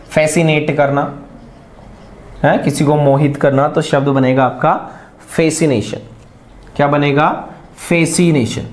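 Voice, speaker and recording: A man's voice: on the high side, reverberant. A man teaching an exam-prep vocabulary lesson, repeating each word and quizzing viewers with questions.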